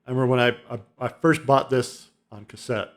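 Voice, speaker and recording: Middle-aged male vlogger, average pitch, chatty, meandering, laughs often. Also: fairly even intonation, brisk. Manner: rambling, chuckling, nostalgic, full of fillers. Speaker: album ranking vlogger. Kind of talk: casual rambling monologue.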